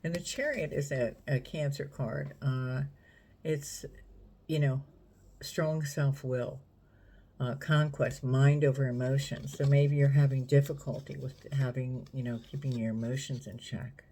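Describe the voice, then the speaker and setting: A woman reading tarot cards in a casual, unhurried way, musing aloud and talking straight to the viewer. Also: rumbling low, steady tone, dark tone, slight background noise. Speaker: tarot reader.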